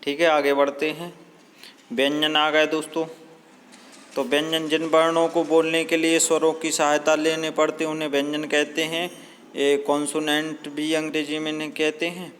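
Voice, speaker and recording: A man teaching a grammar lesson, explaining slowly with many fillers and drawing out example words. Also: fairly high pitch, monotone, fairly bright tone. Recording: long hall reverb, faint ambient noise.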